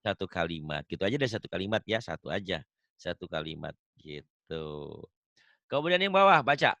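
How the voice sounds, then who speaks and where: A male Quran teacher, running a one-on-one tajwid lesson. His voice is bright and forward, and his pitch swings widely, jumping up high on each question. The sound is dry and close, with almost no room around him. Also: a little fast, dry recording, highs cut off. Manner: patient, questioning, repeats points, animated rises on questions.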